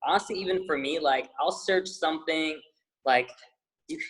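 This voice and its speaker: A young male fitness trainer chats casually as an interview guest, rambling with plenty of fillers and restarts. His voice is fairly high with a breathy edge, and he talks at a normal speed. He mentions that he has a loud voice.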